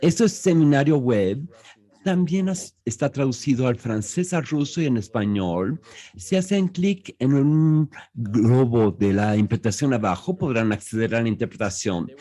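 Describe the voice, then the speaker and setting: Mellow-voiced male interpreter, halting delivery. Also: mid-range voice, lively intonation. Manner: halting, with restarts and fillers. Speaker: simultaneous interpreter. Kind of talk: live interpretation at an online press conference.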